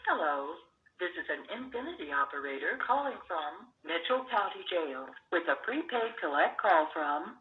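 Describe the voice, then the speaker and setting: A woman's recorded operator announcement playing over a payphone line, measured and formal. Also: fairly low pitch, sing-song. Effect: recorded prompt over a payphone line. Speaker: automated phone operator. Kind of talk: scripted automated announcement. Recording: muffled phone line with faint noise.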